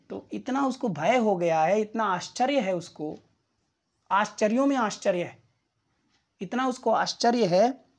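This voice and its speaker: A patient woman Sanskrit teacher, walking students through a classical text phrase by phrase. She repeats explanations and checks in with the listener often. Her voice sits at a mid pitch. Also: darkish tone. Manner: repetitive, patient explaining with frequent comprehension checks.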